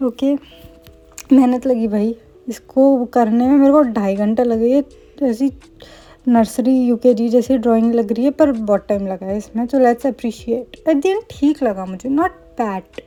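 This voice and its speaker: A young woman talks quickly and playfully in a casual vlog, poking fun at herself as she goes. Her voice sits a little high but sounds mellow and warm. Faint music plays underneath. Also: muffled recording. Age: young adult. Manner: fast, chatty talker; self-mocking, playful asides. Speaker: medical student vlogger. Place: student hostel room.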